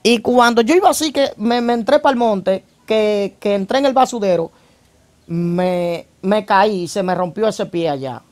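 Very high-voiced man testifying. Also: a little slow, a little mellow. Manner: vivid storyteller who acts out events and keeps adding praise phrases. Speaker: former gang member giving testimony. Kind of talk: church testimony storytelling.

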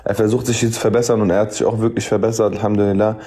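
Brief: deep mellow man, patient peacemaker, placating tone. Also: level tone, rapid-fire. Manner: soothing, placating, repetitive. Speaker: mediator in live stream. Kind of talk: calming casual talk.

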